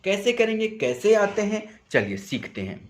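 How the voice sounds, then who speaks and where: A man teaching a spoken English lesson from home. He explains step by step, asks questions and answers them himself, and stretches words out slowly to show their sounds. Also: high-pitched, very animated. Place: at home, in a residential neighbourhood.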